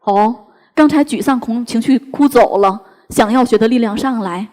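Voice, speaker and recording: A woman giving a parenting talk on stage to an audience, animated and acting out dialogue with her child. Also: on the high side, moderate pace. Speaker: parenting speaker.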